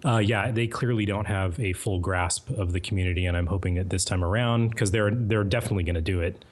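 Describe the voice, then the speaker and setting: Measured man giving long, hedged answers. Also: deep voice. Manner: measured, hedging, lots of fillers. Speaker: guest mod author. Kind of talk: casual interview chat.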